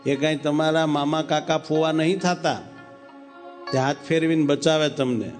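A preacher tells a devotional story in an animated, dramatic way. His fairly high voice swoops up and drops low as he moves the story along, and faint music plays behind him. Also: normal speed. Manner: animated storyteller, dramatic shifts in pitch and pace. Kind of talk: sermon storytelling.

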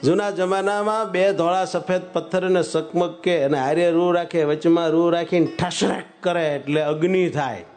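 A man, telling a devotional story as a sermon in a lively, folksy way and speaking straight to the devotees. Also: a little high, moderate pace, hardly any pauses, faint music behind. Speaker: religious storyteller.

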